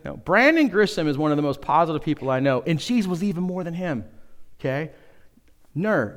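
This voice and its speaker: Conversational man preaching, a bit high. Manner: conversational and humorous, asks the congregation questions. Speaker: pastor. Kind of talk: sermon.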